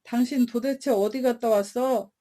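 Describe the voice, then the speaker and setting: A woman's voice: mid-range voice, little pitch movement, normal speed, warm tone, natural voice. A woman voicing a stern, angry husband. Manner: harsh, demanding.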